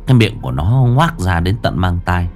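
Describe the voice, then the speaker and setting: A man's voice: deep voice, normal speed, soft background music. A man narrating a horror story expressively, building suspense. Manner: expressive, rising and falling for suspense.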